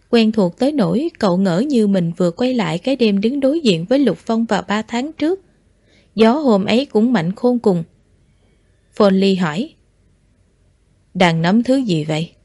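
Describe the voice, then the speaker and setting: A woman narrating a novel as an audiobook in a measured, soft delivery. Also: on the high side, slightly rough, no room sound. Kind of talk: scripted story narration.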